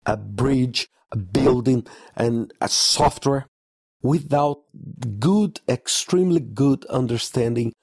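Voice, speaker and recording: A man with a hoarse, cold-roughened voice hosts a podcast over a low-quality audio stream. His pitch sits in a middle range, and the sound is dry and close. He speaks haltingly, with repeated words and fillers. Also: darkish tone, dry recording. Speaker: podcast host. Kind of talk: conference report podcast.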